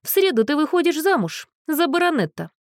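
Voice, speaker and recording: A woman's voice: high voice, sing-song, brisk, no room sound, studio quality, pitched above the performer's own voice. Woman doing a lazy, mocking young woman. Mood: lazy, amused. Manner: lazy, breezy drawl.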